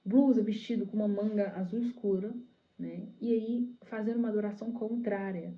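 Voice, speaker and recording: A young Brazilian woman recounts a personal testimony in a vivid, breathless rush, leaning on casual fillers. Her voice sits at a middle pitch. The recording is a little dull and lo-fi. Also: fairly quick. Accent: Brazilian Portuguese. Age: 20s. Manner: animated, breathless retelling full of "tipo assim" fillers.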